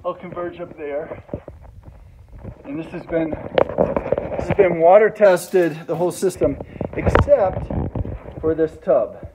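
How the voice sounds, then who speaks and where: A middle-aged man giving a plain, halting DIY walkthrough of plumbing in an unfinished house, filmed on a handheld phone. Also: fairly high pitch. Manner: plain explanatory, halting with fillers. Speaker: home builder. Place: unfinished house under construction, indoors. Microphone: phone camera at arm's length. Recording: tinny phone audio with noise.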